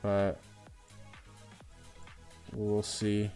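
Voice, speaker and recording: A man's voice: lowish voice, completely flat delivery, drawn-out words, mellow, faint music behind. A man giving casual live commentary as he streams a game, thinking aloud and often tagging on "uh" and "right?".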